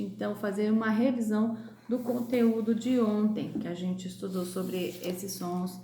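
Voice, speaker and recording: A woman from Brazil teaching young pupils in a recorded class lesson, sounding out words slowly and clearly. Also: mid-range voice, mellow, reverberant. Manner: slow, clear, drawn-out pronunciation of sounds. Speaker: primary school teacher.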